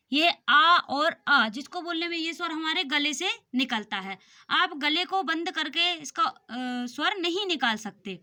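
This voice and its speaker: A woman's voice: high-pitched, bright, forceful tone. A woman teaching a grammar lesson for exam preparation, patiently explaining and sounding out vowels aloud.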